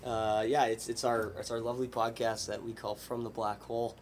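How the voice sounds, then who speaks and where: A man's voice: medium pitch, level tone, a little fast, a crowd in the background. A man from Saskatchewan, Canada, a guest on a podcast, chatting casually with a joking, rambling way of telling stories. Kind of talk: casual chat.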